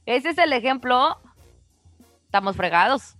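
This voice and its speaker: Female radio co-host, high-pitched, opinionated, dry close mic. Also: measured pace, no echo, soft background music. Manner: opinionated, animated storytelling. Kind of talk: comedic radio banter.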